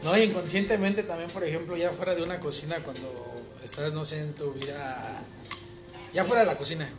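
A man co-hosting a casual podcast, explaining his point in a measured way. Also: on the high side. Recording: music playing behind.

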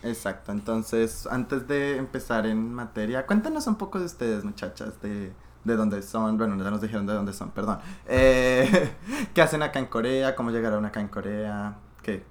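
A man's voice: on the low side, moderate pace, hardly any pauses. A young man co-hosting a casual chat, playful and joking in asides. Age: young adult. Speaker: podcast co-host.

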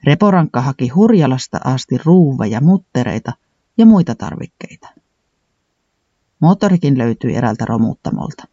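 A man narrating a children's storybook in an animated, sing-song reading style. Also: mid-range voice, husky, dry recording, muffled recording.

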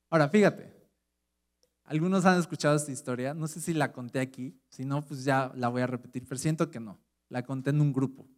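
A man's voice: medium pitch, a little mellow. A middle-aged man with a Mexican Spanish accent, preaching a sermon as pastor in a conversational way, asking the audience rhetorical questions.

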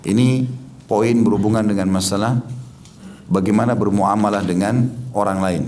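A man's voice: lowish voice, fairly even intonation, moderate pace, darkish tone, slight background noise. Man preaching a religious lecture. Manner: explanatory, cites hadith numbers, recites Quran in Arabic. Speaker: Islamic preacher.

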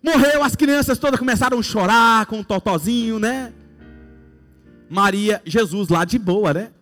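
High-voiced Brazilian preacher telling playful stories. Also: male voice, unhurried, fairly bright tone, soft background music. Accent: Brazilian Portuguese. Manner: playful storytelling, acting out scenes. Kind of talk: sermon.

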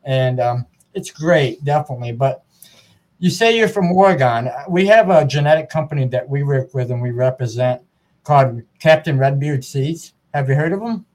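A man's voice: mid-range voice, expressive, moderate pace, darkish tone. A man hosting a casual podcast interview, friendly, chatty and easygoing. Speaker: podcast host.

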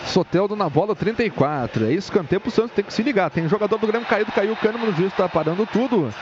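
A man giving excited, urgent live football commentary on the radio, calling plays and goals. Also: high voice, fast talker. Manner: excited, urgent goal and action calls. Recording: noisy, dull lo-fi stadium radio broadcast.

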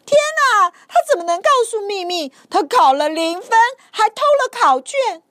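A woman's voice: extremely high pitch, sing-song, moderate pace, fairly bright tone, no echo, studio quality, exaggerated voice. A woman reading to a toddler, voicing an anxious, fretful young boy rabbit in a picture book. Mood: panicked. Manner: exclaiming, fretful.

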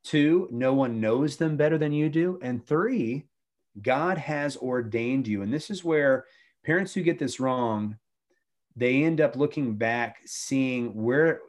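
A man's voice: medium pitch, a little mellow. A middle-aged man, a former youth pastor, talking about faith and family in an earnest, preachy way with many restarts.

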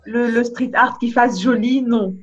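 A woman's voice: a little high, fairly even intonation, measured pace. A woman hosting an interview, asking pointed, probing questions. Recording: dull lo-fi sound.

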